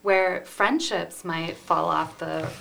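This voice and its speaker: A woman's voice: on the low side, slow, creaky, a bit bright, low-quality recording. A young woman hosting a casual conversation as a therapist, chatty and full of "it's like" fillers. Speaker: therapist host. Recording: faint background noise.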